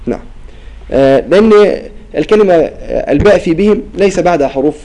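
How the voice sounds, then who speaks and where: A man leads a recitation class, his voice mellow and fairly high. He explains each rule patiently, sounds out the words to demonstrate them, and keeps checking that the students follow. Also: animated, fast talker, rough recording. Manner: explains and asks "clear?" often, demonstrates pronunciations. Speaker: Quran recitation teacher. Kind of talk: classroom lesson on tajweed.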